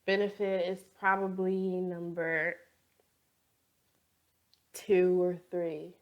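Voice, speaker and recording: A woman beauty vlogger with a cold-roughened, hoarse voice, chatting and rambling playfully through a makeup tutorial. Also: fairly low pitch, completely flat delivery, slow pace, dull audio. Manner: talkative, rambling, playful asides.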